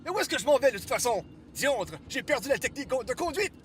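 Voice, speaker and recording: Man playing boastful hapless rich man, comedy parody, whiny, wildly swooping pitch, echoey room. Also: sing-song, fast talker, fairly bright tone, soft background music, heavily acted. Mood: outraged. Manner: pompous, whiny, theatrical. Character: vain, boastful, incompetent male millionaire, easily outraged. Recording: roomy echo, faint noise.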